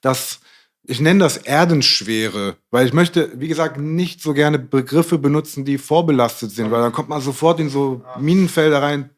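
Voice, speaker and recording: A man's voice: on the high side, normal speed. Rambling man in casual discussion. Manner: rambling, hesitant with many fillers. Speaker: podcast guest.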